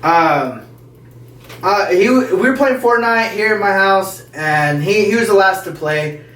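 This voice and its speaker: A man's voice: high-pitched, lively intonation, a little slow, a bit bright. A man hosting a podcast, telling a rambling, profane story in casual chat, recorded at home. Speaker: podcast host. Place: room in a house. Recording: echoey room, mic at a distance, faint noise.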